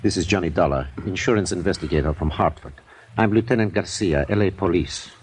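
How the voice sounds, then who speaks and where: An actor playing a weary, cynical police lieutenant in an old-time radio detective drama, talking bluntly and matter-of-factly. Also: male voice, low voice, brisk, lightly acted. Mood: grim, resigned. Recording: noisy old radio recording.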